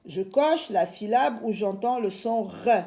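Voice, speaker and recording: A woman teaching young children a reading lesson from home, sounding out syllables slowly and reassuring them patiently. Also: medium pitch, expressive, dark tone. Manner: slow, clearly segmenting syllables. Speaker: primary school teacher.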